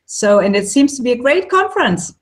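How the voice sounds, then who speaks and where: Higher-pitched woman chatting online. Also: big pitch swings, brisk, a little hiss or hum. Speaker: doctoral researcher, online participant. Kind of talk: casual talk on a video call. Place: video call.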